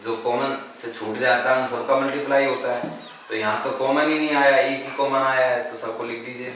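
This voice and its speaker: A math teacher works through a lesson at the board, reciting multiplication tables aloud and posing questions to the class that he then answers himself. His voice is mid-range and a little quick, picked up by a distant mic in a very echoey room over a constant background hum.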